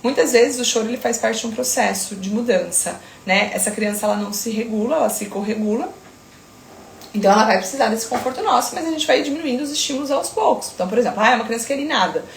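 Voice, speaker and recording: Sleep-consultant woman, thirties, firm and emphatic, slightly gravelly, roomy sound. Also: a little high, slight background noise. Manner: firm, emphatic, talks in quick asides. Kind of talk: casual talk to camera.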